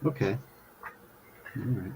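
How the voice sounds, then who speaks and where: A man's voice: fairly low pitch, slow, vocal fry, warm tone, breathy edge, low-quality recording. A man co-hosting a drawing talk show, chatting casually and teasing in joking banter. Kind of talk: casual chat while drawing.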